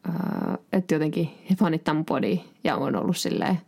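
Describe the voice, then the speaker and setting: Casual podcast host, woman, dark gravelly tone, chatty and rambling. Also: sits low, very animated. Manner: chatty, rambling, many fillers and restarts.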